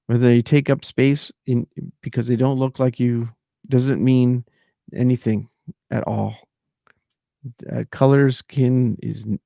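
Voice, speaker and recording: A man's voice: mid-range voice, creaky, dark tone, dry recording, studio quality. A man ranting and rambling in casual talk on his own livestream, repeating himself and trailing off. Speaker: livestream host.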